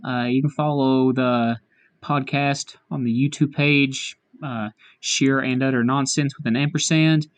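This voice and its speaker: A man's voice: medium pitch, steady tone, measured pace. A man hosting a casual chat podcast in a small room, joking and plugging the show. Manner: jokey, wraps up with plugs. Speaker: podcast host.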